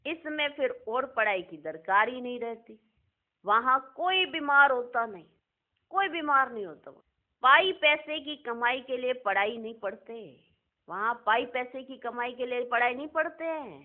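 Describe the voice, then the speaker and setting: A woman giving a devotional sermon, asking and answering her own questions and repeating key phrases for emphasis. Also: a little high. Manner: addresses listeners fondly as children. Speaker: spiritual teacher reading and explaining a discourse. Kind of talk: devotional sermon, reading and explaining. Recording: tinny phone-like audio.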